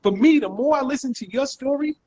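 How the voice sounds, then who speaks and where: Male host, fairly high voice, probing and direct, stumbles on his words. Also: mellow, muffled recording. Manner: probing and direct, halting restarts. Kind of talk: live talk show questioning.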